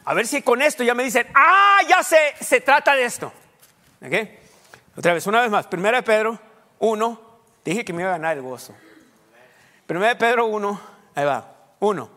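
A man's voice: high voice, animated, a little fast, long pauses, fairly bright tone. A male pastor preaching a teaching sermon, quizzing his congregation and dropping English fillers. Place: church hall. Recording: echoey church hall.

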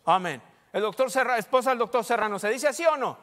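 High-voiced pastor in echoing hall. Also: male voice, fast talker, a little hiss or hum. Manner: joking testimony, loud and animated at times. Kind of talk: sermon. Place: church hall. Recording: long hall reverb.

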